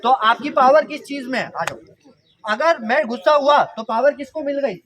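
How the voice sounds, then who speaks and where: At normal speed and in a very high, expressive voice, a man conducts an interactive mind-power workshop for school students. He talks playfully and quizzes the audience, with background noise present.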